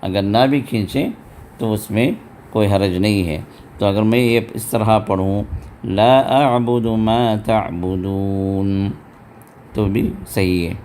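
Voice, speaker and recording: Low-voiced man teaching Quran recitation. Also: a little mellow, a little hiss or hum. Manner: patient, explains step by step, chants verses slowly and drawn out. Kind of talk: tajweed lesson with recited examples.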